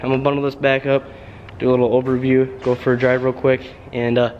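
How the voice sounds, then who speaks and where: A young man talks through his car work in a relaxed, rambling way, full of ums and trailing sentences. His voice sits at an ordinary middle pitch and comes through dull, lo-fi audio with a faint hiss behind it. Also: fast talker. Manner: laid-back, rambling, many fillers. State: out of breath. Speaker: car vlogger. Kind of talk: casual garage vlog. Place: garage by a car, then outdoors in wind.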